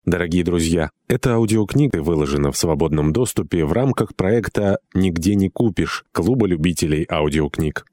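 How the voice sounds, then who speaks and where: A man reading a short formal announcement before an audiobook, in a steady manner. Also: deep voice, normal speed, hardly any pauses, no room sound, studio quality.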